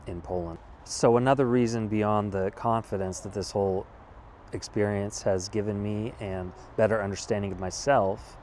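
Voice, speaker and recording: A deep-voiced American vlogger from California muses outdoors in a wooded city spot, his tone a little mellow. He delivers a casual, reflective monologue in a thoughtful, measured way, with pauses and restarts. Slight background noise can be heard.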